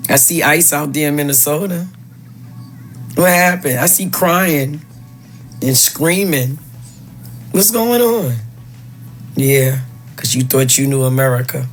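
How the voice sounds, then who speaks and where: Slow, mocking man. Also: on the high side. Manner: mocking, taunting, rhetorical. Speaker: social media commentator. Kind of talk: taunting commentary.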